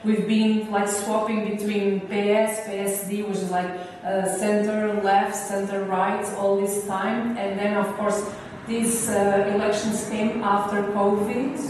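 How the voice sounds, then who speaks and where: A native Portuguese woman with a Portuguese accent giving informal, thoughtful interview answers as an artist, pausing to find her words. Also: mid-range voice, darkish tone. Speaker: visual and performance artist being interviewed. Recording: echoey hall, distant mic, faint noise.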